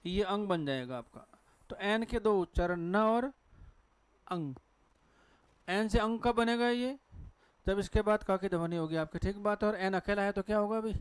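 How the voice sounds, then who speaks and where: A man's voice: high voice, moderate pace, pauses often, clean tone, no room sound. A man with a Hindi accent teaching pronunciation to a class at a board, asking questions and answering them himself. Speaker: English teacher.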